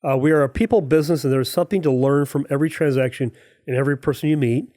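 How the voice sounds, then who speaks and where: A man's voice: on the high side, racing, mellow, dry recording, studio quality. A man in his forties hosting a podcast, asking questions in a friendly, affirming way with faith-minded asides. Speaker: podcast host. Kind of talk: casual interview chat.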